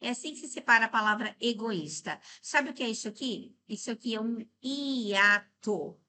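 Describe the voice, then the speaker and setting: A middle-aged Brazilian woman teaching a Portuguese grammar lesson for exam prep. She explains step by step, often checks in with the class, and slows down to stress words syllable by syllable. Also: a little high, animated, pushed and bright.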